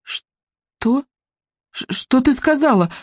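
A reader voicing a young, gentle princess in an audiobook fairy tale, high and pleading. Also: lively intonation, measured pace, no echo, clean studio sound. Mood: anxious.

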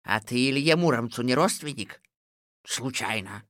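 A woman voicing a gruff, boastful male forest robber who lisps, in an audiobook fairy tale. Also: rumbling low, expressive, normal speed, fairly bright tone, no echo, studio quality, pitched below the performer's own voice. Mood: menacing. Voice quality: lisping. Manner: gruff, menacing then sulky.

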